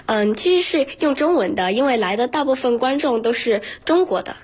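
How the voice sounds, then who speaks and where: A woman's voice: a little high, lively intonation, a little fast, darkish tone, husky. A teenage schoolgirl answering interview questions earnestly in a radio studio, with frequent fillers. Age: teens. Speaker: student guest.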